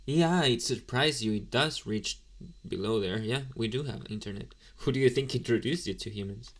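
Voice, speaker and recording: In an ASMR roleplay, a man plays a sleepy, inexperienced young demon, chatting casually to the listener with halting, deadpan and mildly snarky asides. His pitch is medium, close to an everyday voice, and his mood is blasé and grumbling.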